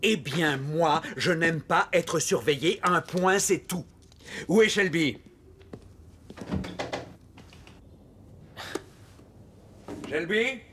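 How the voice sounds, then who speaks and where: A man in his fifties playing a gruff, wily police inspector in a dubbed TV crime drama, with a dry, sardonic manner. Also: on the high side, takes it slowly, bright, forceful tone, full character voice. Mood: irritated, commanding. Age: 50s. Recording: noisy TV soundtrack with background ambience.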